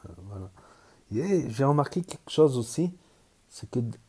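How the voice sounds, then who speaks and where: Mellow-voiced man with a southwestern French accent. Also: mid-range voice, sing-song, normal speed, breathy edge. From southern France. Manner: meandering, with frequent hesitations. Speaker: commentator on social media stories. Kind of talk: casual rambling monologue.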